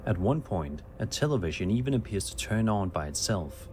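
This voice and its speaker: Lower-voiced man narrating a script. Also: sing-song, brisk, darkish tone, slight background noise.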